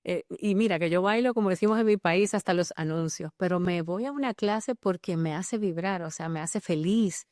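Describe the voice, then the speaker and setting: A woman's voice: fairly low pitch, normal speed, hardly any pauses, dry recording, clean studio sound. A woman from the Dominican Republic with a Dominican accent, a guest talking animatedly and enthusiastically in a casual interview. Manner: animated and enthusiastic, with fillers and restarts.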